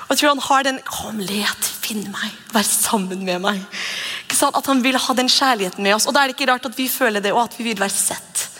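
Woman, bright tense voice, fairly high, chatty devotional teaching, long hall reverb. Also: few pauses. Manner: chatty and expressive, acts out quoted voices. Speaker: podcast host, devotional speaker.

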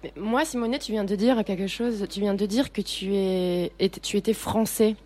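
Woman radio host, mid-pitched. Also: moderate pace, darkish tone. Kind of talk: radio interview conversation.

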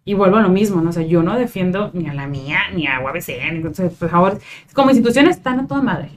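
A woman's voice: on the low side, expressive, fast, a little hiss or hum. A Mexican woman in her thirties, a psychologist, chatting casually and expressively with lots of fillers. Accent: Mexican Spanish. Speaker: psychologist guest. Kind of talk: casual podcast chat.

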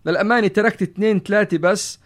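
A male podcast host with a Levantine Arabic accent speaks in a lightly high register. His delivery is quick and conversational, animated, with phrases repeated to drive a point home. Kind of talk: casual conversational podcast chat.

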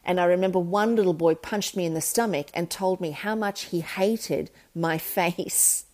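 Speaking at a moderate pace in a lowish, slightly mellow voice, a podcast host from South Africa recounts her own life. Her storytelling monologue comes across as candid, reflective and earnest.

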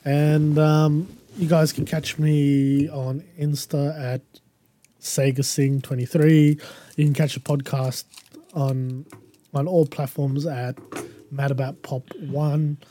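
A man's voice: a little high, flat delivery, takes it slowly, warm tone, a little hiss or hum. A man hosting a casual podcast in a matey, teasing, bantering way. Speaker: podcast host.

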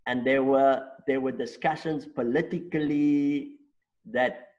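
Speaking slowly with fairly even intonation, an older South African man tells his life story at length in an interview, checking in with rhetorical questions. He is in his sixties, a native Afrikaans speaker with a slightly mellow mid-range voice. The sound is lo-fi.

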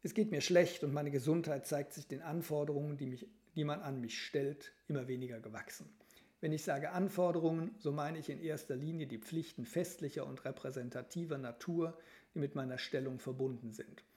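A man voicing an ailing grand duke, the older brother, who speaks in a formal, tired and measured way in a novel reading. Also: fairly high pitch, a little mellow, lightly acted. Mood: weary formal.

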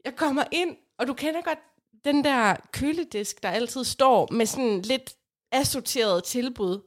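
A woman telling a funny everyday story in casual chat, animated and often laughing. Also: high voice.

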